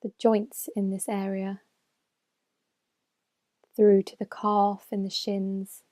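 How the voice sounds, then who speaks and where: A mindfulness meditation teacher narrates a slow guided meditation in a mellow, relaxed, mid-range female voice. Her intonation is very even and flat, and she gives gentle, measured, unhurried instructions, letting her phrases end softly. The recording is dry and close, with no room sound at all.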